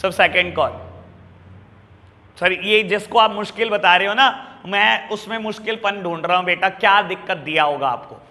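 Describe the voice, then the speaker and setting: A man's voice: sits high, moderate pace, pushed and bright, in a large hall. A man teaching an accounts class, explaining step by step, mixing English terms into his talk and teasing students about the easy question. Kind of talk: classroom lecture.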